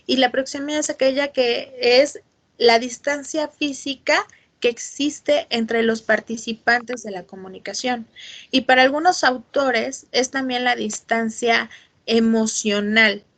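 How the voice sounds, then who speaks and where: Expressive teacher, higher woman's voice. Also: unhurried. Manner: expressive, asks for checks with "¿sí?" and "ujú". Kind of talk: online class lecture.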